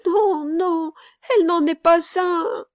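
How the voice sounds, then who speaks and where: A woman voicing a small tearful boy who begs a girl not to leave, in a high, crying voice. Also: fairly even intonation, takes it slowly, no echo, clean studio sound. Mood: pleading, tearful.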